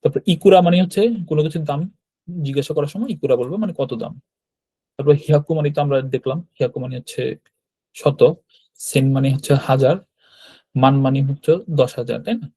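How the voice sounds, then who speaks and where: A man's voice: medium pitch, steady tone, fast talker, long pauses, warm tone, slightly rough. A man from Bangladesh, teaching a Japanese vocabulary class and explaining each word in an explanatory manner, repeating terms and checking with his students. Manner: explanatory, repeats words, frequent fillers and "right?" checks.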